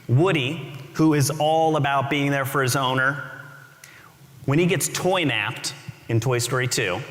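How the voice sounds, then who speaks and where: A man delivers a keynote in a lively storytelling style, his pitch rising and falling dramatically as he acts out quotes. The recording is roomy and echoey, with a long reverb trailing off the walls of a large event hall. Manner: expressive, acts out quotes with big pitch swings. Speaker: keynote speaker.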